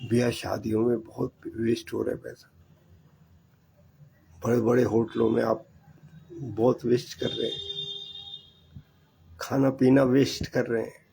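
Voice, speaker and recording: A man's voice: mid-range voice, flat delivery, measured pace, gravelly, pauses often, mellow, slightly rough, faint music behind, rough recording. An older man giving earnest, repetitive advice about saving money. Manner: preachy, repetitive, exhorting. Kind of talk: earnest monologue.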